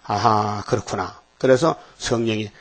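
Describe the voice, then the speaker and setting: A man's voice: on the low side, steady tone, moderate pace. A man preaching an informal sermon to a small group, folksy and chatty, often asking the listeners questions.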